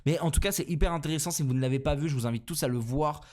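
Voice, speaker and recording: A man's voice: a little high, racing, a little mellow. A young man with a French accent hosting a casual solo podcast, rambling and self-deprecating, with many fillers and restarts. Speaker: podcast host.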